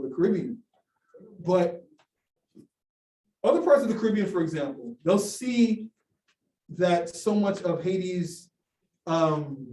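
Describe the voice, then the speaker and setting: High-voiced man answering in echoey hall. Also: dark tone. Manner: hesitant, many restarts and fillers. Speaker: guest speaker. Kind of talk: academic Q&A talk. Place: lecture room. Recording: echoey room from far off.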